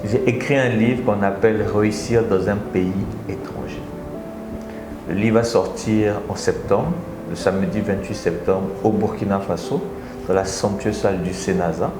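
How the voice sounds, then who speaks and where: Low-voiced man hosting a live stream from an echoey office. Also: moderate pace, background noise. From Republic of the Congo. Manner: energetic, repeats phrases, addresses viewers directly. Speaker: live stream host and speaker. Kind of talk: casual live stream talk to viewers.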